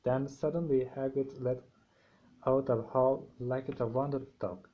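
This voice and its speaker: A man with a sore throat reading a novel aloud, halting, with frequent restarts and slips. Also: mid-range voice, steady tone. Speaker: amateur audiobook reader. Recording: dull lo-fi home recording.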